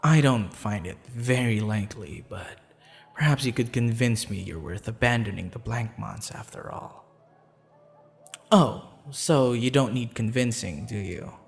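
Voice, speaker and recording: A gravelly mid-range male voice portrays a flirtatious yet courteous assassin for an intimate ASMR roleplay, soft and formal, pausing hesitantly, a bit sheepish and clearly smitten. The mood comes across as playful and persuasive, set against music and long reverb.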